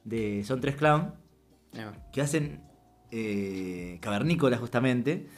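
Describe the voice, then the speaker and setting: A man's voice: mid-range voice, takes it slowly. Brief: playful male co-host, Rioplatense accent, casual banter, faint music underneath. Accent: Rioplatense Spanish. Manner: joking, playful, laughs often. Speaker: podcast co-host. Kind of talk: casual chat.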